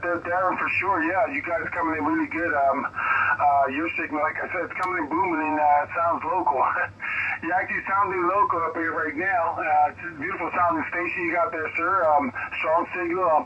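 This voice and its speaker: A man's voice: a little high, steady tone, brisk, distant mic. An American man chatting casually as a radio operator in a folksy, hesitant way, heard over a crackly two-way radio. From United States. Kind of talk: casual radio contact chat with operator jargon. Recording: crackly, noisy, muffled shortwave radio signal.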